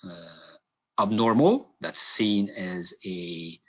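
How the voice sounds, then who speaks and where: A man from Hungary giving a business webinar presentation, halting, with many fillers and restarts. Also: sits low, fairly bright tone, slightly rough. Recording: dull lo-fi webinar audio.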